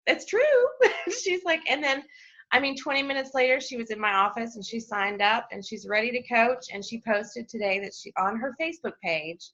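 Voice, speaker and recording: A woman telling a story on a group call, chatty and animated, slipping into the voices of people she quotes. Her voice is bright, and the call audio sounds dull and lo-fi. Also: fairly high pitch, fairly quick. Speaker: team member on a call.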